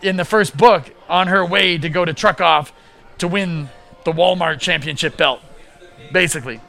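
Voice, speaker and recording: A man with a gravelly, bright voice chats on a podcast as a guest. He is excited, swears freely and tumbles over his own words as he goes. His pitch sits a little high. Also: moderate pace. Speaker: podcast guest, comic book creator. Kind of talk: casual podcast chat.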